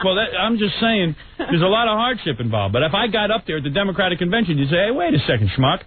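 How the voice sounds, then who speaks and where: A man hosting a radio show with casual comic banter and rants, blunt, sardonic and quick to interrupt. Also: high-pitched, big pitch swings. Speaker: radio host and disc jockey. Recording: tinny, band-limited radio sound.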